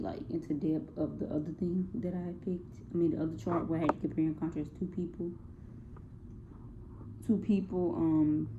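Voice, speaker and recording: A young woman talks through a class music project in a low voice. She hesitates, fills gaps with "um" and "like," and keeps correcting herself. The recording is tinny and phone-like, with a faint hiss underneath. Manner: hesitant, many fillers and self-corrections. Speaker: student presenting a music project. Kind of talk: casual spoken class presentation.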